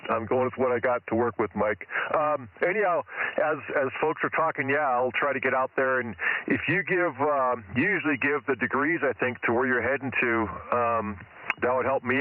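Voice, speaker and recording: A man's voice: medium pitch, brisk. A man on an amateur radio net, heard over a two-way radio from outdoors on a hilltop by his truck, hesitant and restarting often, ending turns with 'over'. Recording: tinny radio transmission with hiss.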